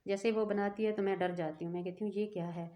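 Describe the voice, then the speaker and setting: A woman's voice: mid-range voice, steady tone, quick pace, lo-fi sound. A woman telling a personal story in a rambling, earnest way that keeps interrupting itself. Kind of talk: casual storytelling to camera.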